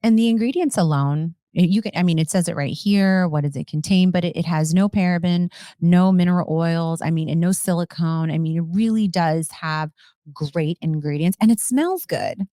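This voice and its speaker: A woman's voice: on the low side, normal speed, dark tone, no echo, studio quality. A woman hosting a podcast in a casual, upbeat, chatty way, enthusing about products. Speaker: podcast host. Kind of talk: casual chat.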